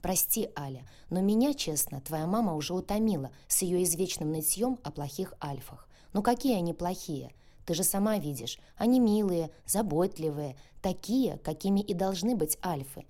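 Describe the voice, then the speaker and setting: A woman reading an audiobook, voicing a lively, chatty young woman friend who talks in a bubbly, coaxing way. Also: lowish voice, normal speed, lightly acted. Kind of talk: audiobook character voice.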